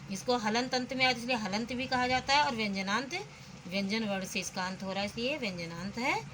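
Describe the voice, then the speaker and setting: A woman with a bright, slightly high voice teaches a children's lesson. She spells each word out one sound at a time and stops to put questions to her pupils. A faint hiss sits under the recording. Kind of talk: slow, patient classroom explanation.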